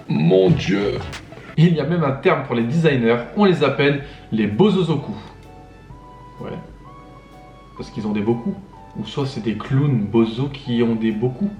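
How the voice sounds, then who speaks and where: A young man hosting a reaction video, reading captions aloud and joking about them with lots of laughter. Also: mid-range voice. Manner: animated, laughs often, reads captions aloud then mocks them. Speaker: YouTuber host. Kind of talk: casual reaction commentary. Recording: echoey room.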